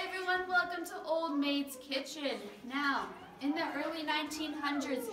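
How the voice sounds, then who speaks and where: A woman working as a cave guide, giving instructive, lightly joking tour narration to a group in an echoing cave. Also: high-pitched. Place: inside a cave. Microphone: handheld camera some distance away. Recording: echoing cave, distant camera, noisy.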